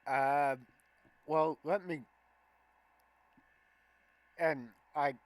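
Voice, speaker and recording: A man hosting a gameplay walkthrough, calmly explaining each button press step by step. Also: fairly high pitch, dry recording, rough recording. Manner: slow, plain step-by-step explaining of controls. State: has the hiccups. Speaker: gameplay video host.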